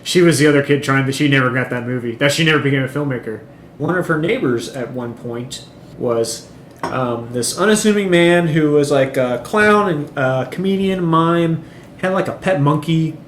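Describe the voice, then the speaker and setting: The recording, made in an echoey room with faint noise, captures a podcast co-host from Chile chatting casually. His pitch is fairly high and his pace moderate, and he rambles with plenty of ums and swearing.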